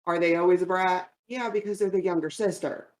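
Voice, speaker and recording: A woman with a New Jersey accent co-hosts a casual podcast in a rather low voice. She talks bluntly, digresses and swears freely. The recording sounds roomy and echoey. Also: fairly even intonation, brisk, darkish tone. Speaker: podcast co-host. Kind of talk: casual chat.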